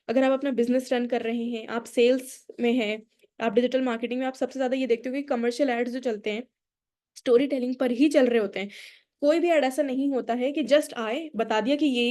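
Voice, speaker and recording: A woman's voice: fairly high pitch, a little mellow. A woman from India with a neutral Indian accent, teaching a public speaking workshop in an explanatory way, mixing English into her Hindi and asking the audience questions. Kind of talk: workshop lecture.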